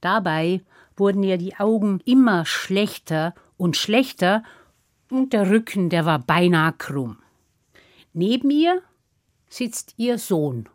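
A woman telling a fairy tale to children in a lively, playful way, acting out the characters with big swings in her voice. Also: medium pitch, slow, no echo, clean studio sound. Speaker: storyteller. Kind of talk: storytelling for children.

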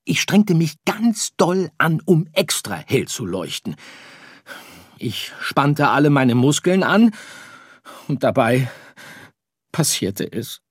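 A man's voice: fairly high pitch, big pitch swings, slow, long pauses, slightly rough, no room sound, studio quality, voice pushed up, heavily acted. A man reading an audiobook, voicing a small boy star who is tearful and whiny. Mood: upset. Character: little boy star, upset and weepy.

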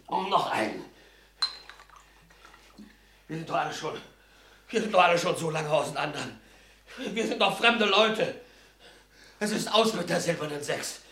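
A man's voice: sits high, lively intonation, a little slow, long pauses, pushed and bright, heavily acted. An actor playing a drunk, defiant young musician in a radio drama, his words slurred. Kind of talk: 1950s radio drama acting. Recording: echoey radio studio.

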